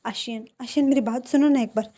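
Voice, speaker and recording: A woman voicing a gentle, caring older sister who speaks softly and pleads in a storybook reading. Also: on the high side, steady tone, fairly quick, lightly acted.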